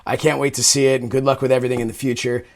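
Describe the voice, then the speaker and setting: Earnest male show host, mid-pitched. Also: flat delivery, very fast, a little mellow. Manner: earnest, hesitant, with fillers when asking questions. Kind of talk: interview and scripted show outro.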